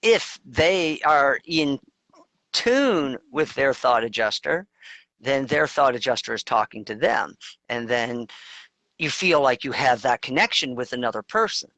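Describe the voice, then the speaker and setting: A man's voice: mid-range voice, lively intonation, measured pace, sharp tone, dry recording. A man co-hosting a casual spiritual discussion, talking emphatically in long runs with crude asides. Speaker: co-host.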